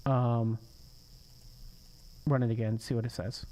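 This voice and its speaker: A man's voice: medium pitch, flat delivery, a little slow, darkish tone, rough recording. A man hosting a live coding stream, thinking aloud as he works, frustrated and cursing under his breath. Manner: frustrated, swearing, muttering to himself. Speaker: coding livestream host.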